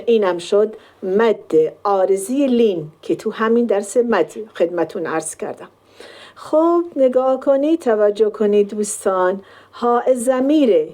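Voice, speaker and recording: A woman teaches Quran recitation, walking through each point in order. She has a dark, mellow voice pitched in the mid-range, and she lengthens the sample words slowly so learners can hear how long each sound lasts.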